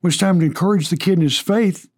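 A man's voice: sits high, fast, darkish tone, dry recording, clean studio sound. A man who co-hosts a podcast and coaches football, speaking with energy in a coach-like way. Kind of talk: podcast conversation.

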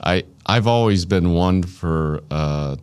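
Middle-aged male interviewee with an Arkansas drawl. Low voice, plain-spoken and folksy, chatting informally with pauses. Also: darkish tone, clear, resonant tone. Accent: Arkansas Southern. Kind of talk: casual reminiscing interview.

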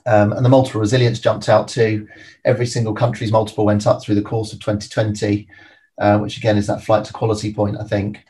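A man gives analytical interview answers as a finance expert. His voice sits fairly low and moves very little in pitch, with a measured, point-by-point delivery. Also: monotone, mellow. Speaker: private equity expert guest.

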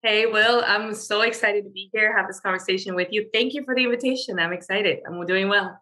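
A woman's voice: mid-range voice, brisk, bright, forceful tone. A woman from Venezuela, a guest on a podcast interview, talking eagerly with plenty of fillers. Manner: eager, talkative, with frequent fillers. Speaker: guest, marketing storyteller.

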